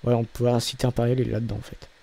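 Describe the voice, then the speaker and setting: A man's voice: mid-range voice, flat delivery, racing, gravelly, warm tone. A young man giving casual, rambling commentary as he plays a video game, often swearing and cutting himself off. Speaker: gaming channel host. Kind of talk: casual let's-play commentary.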